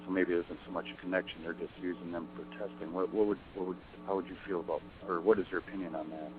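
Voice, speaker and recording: A man co-hosting an interview, rambling and halting, restarting his questions often. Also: low voice, little pitch movement. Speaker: co-host. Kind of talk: casual interview. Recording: tinny phone line with faint music.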